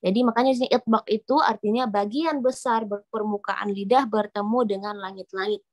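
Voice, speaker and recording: A woman's voice: mid-range voice, fairly even intonation, a little fast. A woman teaching Arabic letter pronunciation, explaining patiently, repeating each point and demonstrating the sounds. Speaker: Quran recitation teacher.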